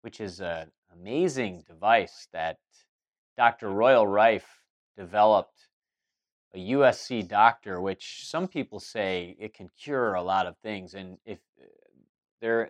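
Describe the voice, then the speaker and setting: A man's voice: on the low side, expressive, unhurried. A man giving a loose spoken monologue as host, restarting sentences and circling back with fillers as he talks. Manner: rambling, many restarts and fillers. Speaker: spiritual talk host.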